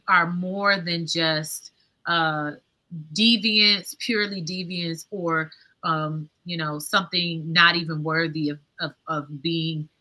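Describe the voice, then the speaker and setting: Woman, 30s, American accent, forceful bright voice a touch low, book club host thinking aloud on a video call. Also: low-quality recording. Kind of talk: discussion with reading aloud. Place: indoor room at home, video call. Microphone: computer mic on video call.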